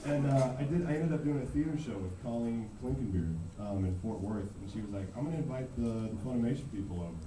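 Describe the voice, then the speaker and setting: A man's voice: medium pitch, fast, hardly any pauses, crowd noise. Man telling stories in an echoey hall. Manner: animated, acts out quoted dialogue, laughs often. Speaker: voice actor on a convention panel. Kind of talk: storytelling to an audience. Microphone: handheld camera in the audience. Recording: echoey hall taped from far off, loud noise.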